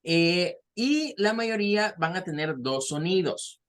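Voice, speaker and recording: A man with a Latin American Spanish accent teaching an English lesson, patiently explaining and repeating words slowly for pronunciation. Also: high-pitched, expressive, fairly bright tone.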